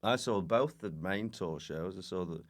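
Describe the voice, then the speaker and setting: A comedian guesting on a podcast tells rambling, self-deprecating anecdotes in a deep voice at a moderate pace. He keeps it casual and giggles often.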